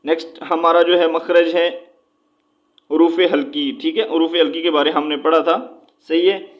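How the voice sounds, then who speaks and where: Brief: male recitation tutor, slightly higher pitch, repetitive and patient, drawn-out demonstrations. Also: fairly even intonation, highs cut off. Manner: repeats points, checks in with frequent "okay"; slows right down to demonstrate sounds. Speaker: Quran recitation teacher. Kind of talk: spoken lesson.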